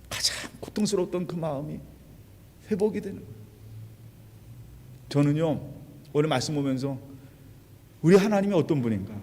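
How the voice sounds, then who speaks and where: A man preaches a sermon in a church sanctuary, and his fairly high voice rings through a long hall reverb. He retells the stories dramatically, acting out quoted lines and moving between hushed and loud passages. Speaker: pastor.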